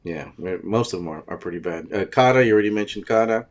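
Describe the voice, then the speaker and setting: A man's voice: sits low, fast. Easygoing man greeting viewers on a podcast. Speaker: co-host. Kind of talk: casual podcast chat.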